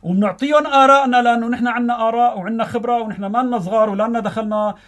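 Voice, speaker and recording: A middle-aged man with a Syrian accent explaining earnestly as a teacher in a radio interview, haltingly and repeating phrases for emphasis. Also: very high voice, fairly even intonation, a bit bright. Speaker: mathematics teacher, studio guest.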